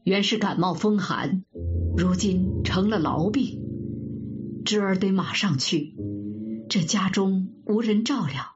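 A woman voicing an anxious young nobleman speaking earnestly and respectfully to his aunt, in a lowered voice. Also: slow pace, pauses often, close to an everyday voice. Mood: worried. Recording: dull audio with guitar music.

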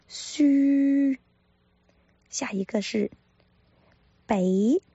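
A woman teaching pronunciation in a careful manner, repeating each sound slowly for practice. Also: medium pitch, creaky, dark tone, husky, no echo, muffled recording. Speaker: language teacher. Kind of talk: pronunciation lesson.

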